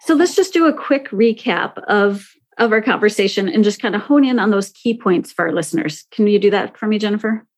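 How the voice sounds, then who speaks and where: A woman's voice: medium pitch, expressive, brisk, hardly any pauses. A woman hosting a podcast interview in a conversational style. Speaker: podcast host.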